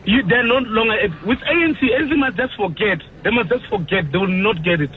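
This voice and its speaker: A man's voice: sits high, quick pace. A man calling in to a radio show to give his opinion, insistent and repeating himself, laughing easily. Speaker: radio caller. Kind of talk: phone-in opinion. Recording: tinny phone line with faint noise.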